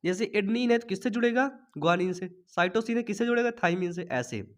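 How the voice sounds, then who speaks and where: A man's voice: high-pitched, expressive, fairly quick. A young man teaching a biology lesson for board exams, chatty, quizzing students and answering himself, with a cold that keeps him coughing.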